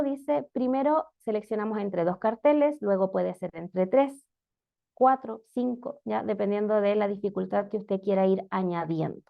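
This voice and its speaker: A woman's voice: mid-range voice, gravelly. A woman giving an online lecture on teaching reading, explaining step by step and often checking in with "¿ya?". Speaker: special education instructor. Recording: muffled lo-fi audio.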